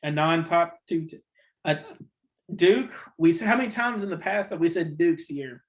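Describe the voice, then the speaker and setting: This host of a casual sports podcast has a fairly high voice, lively intonation and a moderate pace. He has the hiccups, drifts through opinionated rambles, and keeps correcting himself.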